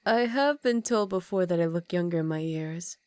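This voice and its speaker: An ageless, aristocratic vampire countess, acted by a woman purrs in a lowish voice for an ASMR roleplay. Her phrasing is formal and dramatic, slipping toward whispers, seductive and condescending with a predatory edge. The sound is intimate and dry, free of room echo. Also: moderate pace, darkish tone, lightly acted. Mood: teasing, seductive.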